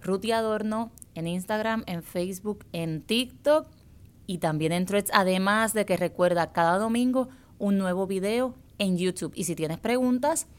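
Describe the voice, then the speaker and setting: A woman's voice: medium pitch, unhurried, clear, resonant tone. A woman hosting a self-help series, speaking in an encouraging motivational tone and repeating key phrases.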